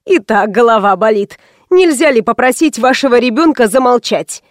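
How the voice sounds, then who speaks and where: A woman's voice: on the high side, lively intonation, normal speed, no room sound, studio quality, natural voice. A woman doing a prim, reproachful lady. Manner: reproachful, sighing.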